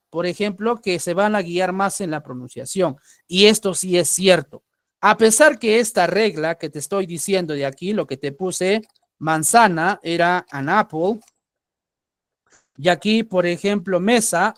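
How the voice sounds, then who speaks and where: A man from Peru teaching an English grammar lesson, patient, checking in often with "¿sí?" and repeating example words slowly. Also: high-pitched, no room sound, clean studio sound.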